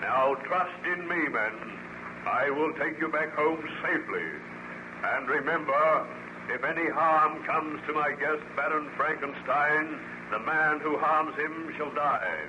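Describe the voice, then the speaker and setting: An actor playing a resolute, commanding ship captain with formal, declamatory authority in an old-time radio drama. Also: male voice, a little high, takes it slowly. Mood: stern, commanding. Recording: noisy old radio serial recording.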